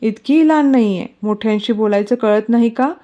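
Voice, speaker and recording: A woman's voice: a little high, fairly quick, dark tone, highs cut off, natural voice. A woman reading a story aloud voicing a stern older mother-in-law who scolds sharply. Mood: scolding.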